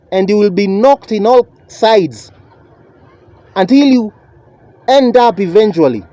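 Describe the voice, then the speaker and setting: Man, high voice, lecturing preacher, emphatic delivery, repeated phrases for weight, dry close sound. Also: mellow, dry recording. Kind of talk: motivational sermon, lecturing.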